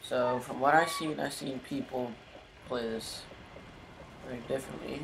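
A man's voice: medium pitch, steady tone, measured pace, creaky, noisy background. A young man hosting his gaming channel, giving casual gameplay commentary with joking, muttered asides to himself.

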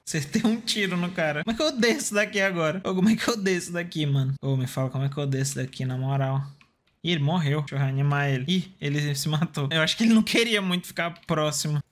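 A man's voice: a little high, quick pace, fairly bright tone. A young Brazilian man talking through his gameplay, chatty, swearing freely and laughing at himself. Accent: Brazilian Portuguese. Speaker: gaming streamer. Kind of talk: casual gameplay commentary.

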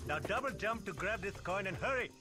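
A man's voice: high voice, animated, brisk. An actor voicing a small, bossy lemur king in a video game, with a pompous, theatrical manner. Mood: bossy, self-important. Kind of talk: animated video game acting. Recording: game music behind the voice.

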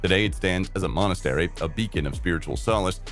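A man's voice: low voice, fast talker, fairly bright tone, faint music behind. A man reading a scripted documentary voice-over in a formal, dramatic manner, with occasional restarts. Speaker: documentary narrator.

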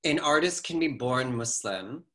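Man, thirties, from the United States, bright forward voice, casual panel talk over webcam. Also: mid-range voice, lively intonation, unhurried. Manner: conversational, uses "like" often, gestures while talking. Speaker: panelist curator. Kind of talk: casual video call discussion. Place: home living room indoors. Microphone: laptop webcam video call.

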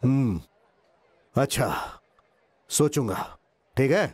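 A brusque boss who gives short, commanding orders at a slow pace. The voice moves around a lot in pitch and sounds dry and close. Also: male voice, animated, a little mellow, husky, no echo, exaggerated voice. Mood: dismissive. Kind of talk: Hindi film dub.

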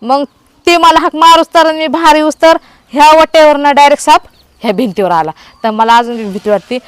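A woman's voice: high voice, fairly quick, dry recording. A woman, telling a story to her vlog viewers and acting out the dialogue. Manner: animated retelling with quoted dialogue. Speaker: vlogger.

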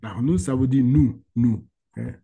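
A man teaching Quran letter reading over a video call, patient and repeating sounds slowly for his student. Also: medium pitch, vocal fry, dark tone, husky, muffled recording. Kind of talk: online one-on-one lesson.

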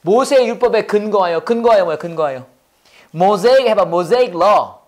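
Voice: mid-range voice, animated, a little mellow. An English teacher running a Bible-based lesson, quizzing the class and drilling phrases in call-and-response. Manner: quizzing, repeats phrases slowly for learners.

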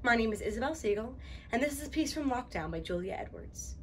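A woman's voice: fairly high pitch, animated, fast, recorded from a distance, slight background noise. A young woman giving a plain introduction to a performance piece. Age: young adult. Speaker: actor introducing an audition piece. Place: indoors before a backdrop.

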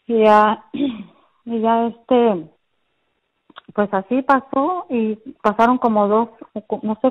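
A middle-aged woman giving an earnest personal faith testimony, circling back over her words with frequent fillers. Her voice sits at an ordinary pitch. The recording sounds somewhat dull and lo-fi. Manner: earnest, repetitive storytelling with many fillers.

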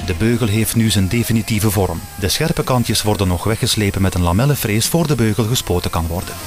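A man narrating a how-to video in a calm, even, explanatory scripted voice-over. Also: lowish voice, fairly quick. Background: guitar music.

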